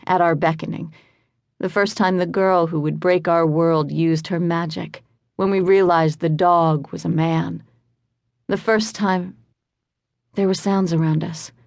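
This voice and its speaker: Low-voiced woman narrating an audiobook. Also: creaky, a little mellow, no room sound. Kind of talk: scripted fantasy narration.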